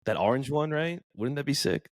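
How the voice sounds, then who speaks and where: A man's voice: fairly high pitch, expressive, brisk, dry recording. A man co-hosting a casual sports podcast, talking enthusiastically in a loose, filler-heavy way. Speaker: podcast co-host.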